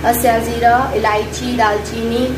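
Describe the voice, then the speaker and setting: A woman's voice: a little high, little pitch movement, measured pace, noisy background. A woman in her thirties chatting through a cooking vlog in her home kitchen, explaining each step as she goes while hot and sweating. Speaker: cooking vlogger. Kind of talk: casual cooking vlog chat.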